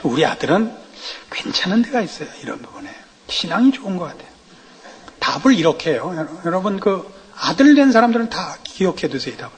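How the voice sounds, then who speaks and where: A man's voice: high-pitched, sing-song, quick pace. A middle-aged man preaching an expository sermon, telling humorous anecdotes and asking the congregation rhetorical questions. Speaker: pastor. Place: church sanctuary. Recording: reverberant church hall.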